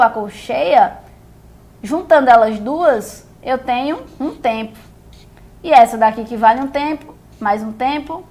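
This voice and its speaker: A Brazilian woman teaching music theory, explaining rhythm step by step and checking in often with her viewers. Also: high voice. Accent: Brazilian Portuguese. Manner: patient, repeats and checks in with "beleza?".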